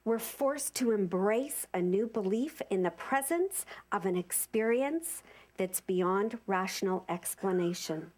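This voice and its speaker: A woman in her fifties giving an informal sermon to a congregation, animated and repeating phrases for emphasis. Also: medium pitch, measured pace. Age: 50s. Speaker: speaker at a spiritual center service.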